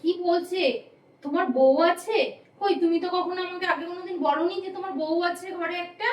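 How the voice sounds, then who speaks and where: A woman playing a brash fast-talking new bride. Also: very high-pitched, low-quality recording. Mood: defiant. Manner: brash, confident, talks fast. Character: bold new bride, brash and self-assured.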